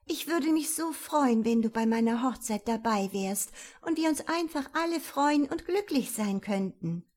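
A woman's voice: lively intonation, a little slow, a little mellow. Woman doing a gushing young bride. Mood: pleading girlish. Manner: high, gushing, pleading.

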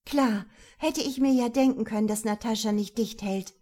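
A woman's voice: expressive, a little slow, darkish tone. Woman doing a gushing young bride. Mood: indignant, excited. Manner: high, gushing, pleading.

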